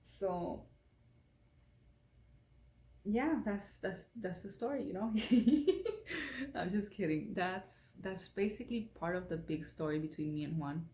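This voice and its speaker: A young woman tells a story straight to camera in a loose, rambling way, full of fillers. Her voice sits low and mellow. The room around her is echoey. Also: unhurried. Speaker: beauty vlogger. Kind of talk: casual storytime vlog.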